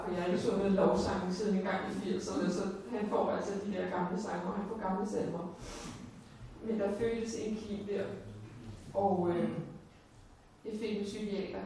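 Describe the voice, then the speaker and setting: A middle-aged person gives a personal faith testimony to a congregation, pausing often with fillers and adding wry, self-mocking asides. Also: mid-range voice, darkish tone. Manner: halting, with frequent pauses and fillers. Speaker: churchgoer giving a testimony. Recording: very echoey room, voice far from the mic, faint background hiss.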